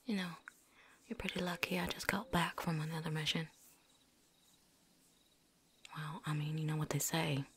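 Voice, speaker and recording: A folksy veteran vampire hunter, put on by a woman in a whispered role-play, drawling through a put-on accent with easy slang. The voice sits low and gravelly, and faint noise hangs behind it. She chats on and on, talking around something in her mouth. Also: steady tone, normal speed, long pauses, a bit bright. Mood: chatty, wry. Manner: chatty, talks with something in mouth.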